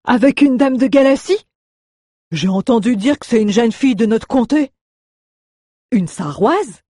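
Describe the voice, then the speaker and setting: A woman's voice: fairly high pitch, lively intonation, measured pace, darkish tone, husky, dry recording, studio quality, pitched above the performer's own voice. A woman voicing grumbling, gossiping villagers in a medieval tale. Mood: gossipy.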